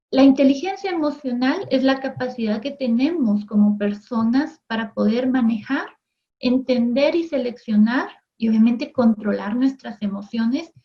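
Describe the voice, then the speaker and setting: This TV classroom lesson comes from a woman teacher whose voice runs higher, captured with lo-fi sound. Her style is conversational: she frequently asks "¿sí?" or "¿no?" and slips into brief impressions of everyday voices.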